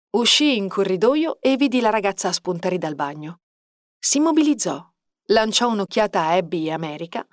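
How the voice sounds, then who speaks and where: An audiobook narrator with a medium-pitched, expressive voice reads a scripted passage. The sound is dry and clean, like a studio recording.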